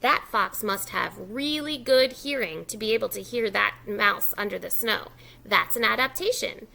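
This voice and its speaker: In a mid-range voice that is bright and forceful with some vocal fry, a woman who teaches preschool reads a picture book expressively. She breaks off at points to encourage the young children with simple prompts.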